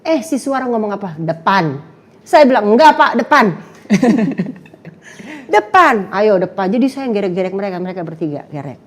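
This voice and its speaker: A woman's voice: mid-range voice, very animated, moderate pace, long pauses. A young woman telling her story in casual chat, acting out quotes and laughing often. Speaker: guest sharing testimony.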